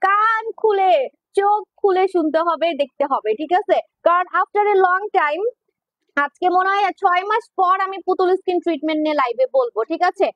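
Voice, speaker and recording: A woman's voice: very high voice, normal speed, dry recording, lo-fi sound. A woman, hosting a casual livestream for her skincare shop, teasing and chatting directly with viewers through a clip-on mic. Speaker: online skincare shop owner selling on a livestream. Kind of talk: casual livestream sales talk.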